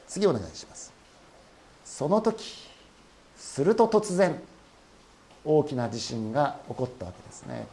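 A man's voice: high-pitched, a little mellow. A man preaching a sermon as guest pastor, telling the story in a conversational way and acting out the quotes.

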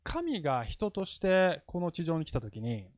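A man's voice: a little high, measured pace, no echo. A man preaching a casual, chatty sermon as pastor, laughing easily as he talks. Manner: chatty and animated, laughs often.

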